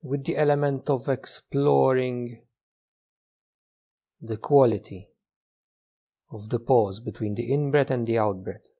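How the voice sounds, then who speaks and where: In a steady, husky, mid-range voice, a meditation teacher leads his listeners gently, using short, unhurried phrases and long pauses.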